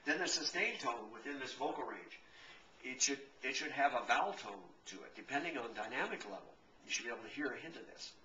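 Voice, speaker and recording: A man's voice: medium pitch, lively intonation, brisk, sharp tone, lo-fi sound, a little hiss or hum. A middle-aged man explaining piano tone in a casual, rambling way, often correcting himself mid-sentence. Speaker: piano technician. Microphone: camcorder. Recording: echoey room, camcorder from a distance.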